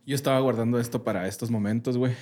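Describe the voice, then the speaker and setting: A man's voice: medium pitch, fairly even intonation, rapid-fire, noisy background. A man with a Mexican accent, a podcast co-host trading playful jokes in casual chat. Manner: joking, playful interjections.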